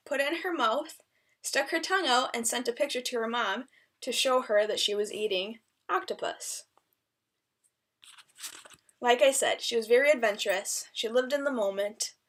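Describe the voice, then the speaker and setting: A woman delivering a prepared eulogy speech in an earnest, deliberate way, with an occasional stumble. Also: a little high, a bit bright. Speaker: eulogy speaker, friend of the deceased.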